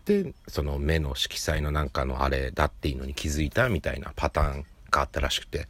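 A man's voice: very deep voice, animated, fast talker, a bit bright, husky. A man talking casually and alone as a podcast host, rambling with self-deprecating asides that trail off into mutters. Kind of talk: casual solo chat.

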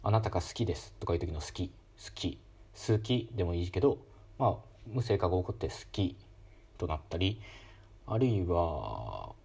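A man giving a calm, casual educational talk on pronunciation, demonstrating sounds aloud with frequent fillers. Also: sits low, quick pace, breathy edge. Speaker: solo talk host explaining linguistics.

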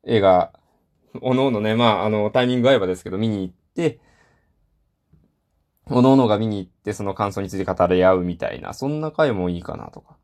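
A man's voice: lowish voice, a little fast, a little mellow. A man hosting a casual solo talk show, rambling with many fillers and self-deprecating asides. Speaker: solo podcast host.

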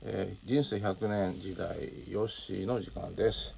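An older man from Japan hosting a casual solo talk show, speaking with many fillers and a habit of tagging sentences with a soft particle. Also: low voice, fairly even intonation, a little slow, vocal fry, heavy background noise. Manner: frequent fillers and tag particle ne. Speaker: podcast host.

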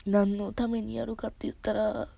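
A woman's voice: medium pitch, level tone, normal speed, creaky, warm tone, no echo. A middle-aged woman with a Kansai accent, hosting a casual solo podcast and rambling as she corrects herself. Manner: rambling, self-correcting, chatty. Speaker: podcast host.

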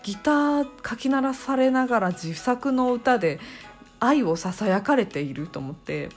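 Animated woman around thirty telling a story. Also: fairly high pitch, normal speed, faint music behind. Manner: animated, laughs often while telling. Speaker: podcast host. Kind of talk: casual storytelling monologue.

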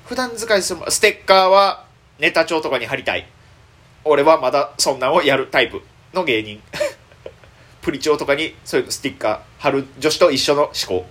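A young man with a Kansai accent, hosting a solo chat show as a comedian, thinking aloud excitedly and fretting as he rambles. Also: fairly high pitch, moderate pace. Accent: Kansai Japanese. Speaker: comedian and podcast host.

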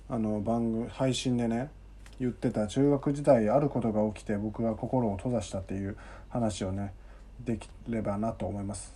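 Mellow-voiced Kansai man telling stories. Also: on the low side. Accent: Kansai Japanese. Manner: rambling, chatty, repeats himself while recalling. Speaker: podcast host. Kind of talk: casual solo podcast storytelling.

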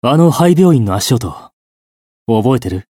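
A man voicing a calm, cryptic male occult mentor in a creepy ghost story, in a hushed, low-key way. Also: a little slow, no room sound, clean studio sound. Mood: quietly intrigued.

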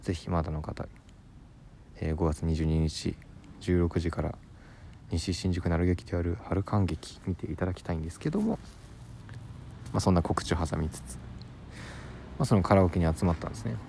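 A man, a comedian hosting his own radio show, telling a rambling story in a casual solo monologue, mixing fast patter with drawn-out words. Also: low-pitched, creaky, warm tone, a little hiss or hum.

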